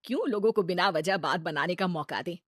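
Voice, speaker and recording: A woman playing a kind, patient middle-aged mother-in-law in a cartoon story, speaking gently and motherly. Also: lowish voice, fairly quick, no echo, studio quality. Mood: gentle.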